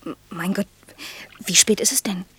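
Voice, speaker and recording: This actress, voicing a gentle, pensive woman earnestly telling a fairy tale in an intimate German radio play, uses a steady, mid-range, breathy and husky voice. Her delivery is hushed, slow and lyrical, slipping into near-whisper, with a quiet, hesitant mood.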